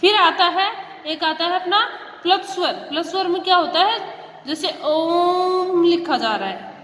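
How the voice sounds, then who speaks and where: A woman's voice: very high voice, a little slow, a bit bright, slight background noise. A woman teacher giving a grammar lesson to children, patiently asking questions and answering them herself. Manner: addresses children directly. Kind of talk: classroom Hindi grammar lesson. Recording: echoey room with long reverb.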